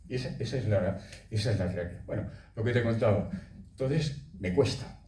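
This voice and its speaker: A man in his eighties, a voice actor telling stories at a festival talk in a relaxed way. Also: on the low side, fairly quick, slight background noise. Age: 80s. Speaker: voice actor guest. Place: festival hall. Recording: echoey hall, speaker far from mic.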